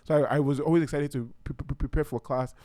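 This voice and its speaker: A man's voice: on the high side, steady tone, fast talker, dark tone, dry recording. A young man from Nigeria hosting his own podcast in a casual, heartfelt way, rambling and often restarting his sentences. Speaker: podcast host. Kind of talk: casual solo podcast talk.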